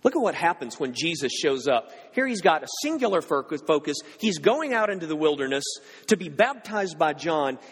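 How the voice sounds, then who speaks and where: Man preaching with emphatic questions, husky voice, echoing in a large hall. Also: a little high, big pitch swings, brisk. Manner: emphatic, rhetorical questions to the congregation. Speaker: pastor. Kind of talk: expository sermon. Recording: reverberant hall.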